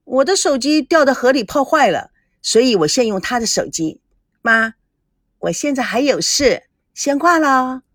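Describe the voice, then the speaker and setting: A woman voicing a sharp-tongued, jealous young wife who needles and teases in a radio story. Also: sits high, lively intonation, moderate pace, no echo, clean studio sound, pitched above the performer's own voice. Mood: reassuring. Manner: teasing, needling.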